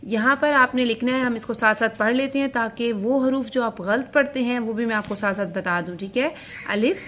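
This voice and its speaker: A woman's voice: on the high side, brisk, a bit bright, a little hiss or hum. A woman teacher with a Pakistani Urdu accent, patiently reading out letters one by one for young pupils. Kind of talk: recorded class lesson.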